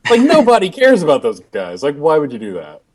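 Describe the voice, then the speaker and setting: A man's voice: fairly high pitch, huge pitch swings, brisk, darkish tone, husky. A man as a guest on a casual podcast chat, sardonic and profane, laughing through his stories.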